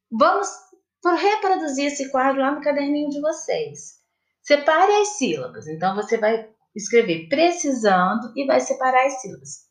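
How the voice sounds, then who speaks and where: A woman teacher from Brazil with a Brazilian Portuguese accent, giving a recorded lesson to children in a slow, patient, sing-song questioning way. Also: on the high side. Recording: echoey room.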